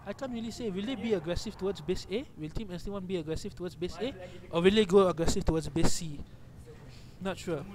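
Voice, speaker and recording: A young Malaysian man with a Malaysian accent commentating a live online tournament match, excitable and often correcting himself mid-phrase. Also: high-pitched, quick pace, a crowd in the background. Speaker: esports stream commentator. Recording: noisy background hum.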